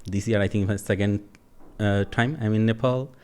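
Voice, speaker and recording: A man in his forties from Bangladesh, a native Bengali speaker, talking as a podcast guest in a thoughtful, relaxed conversational way. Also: on the low side, moderate pace, clean tone. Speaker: podcast guest, agile coach. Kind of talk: casual interview conversation.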